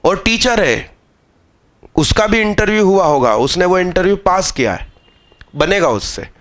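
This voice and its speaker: A man's voice: sits high, expressive, a little slow, a bit bright. A male math teacher giving a live exam-prep lecture, explaining step by step and scolding students into understanding.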